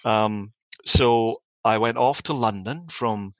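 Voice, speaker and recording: Interviewed about his life, a middle-aged Scottish business founder tells wry anecdotes, frequently restarting sentences. He speaks slowly at an ordinary pitch. The sound is dry, close, and echo-free but low in quality.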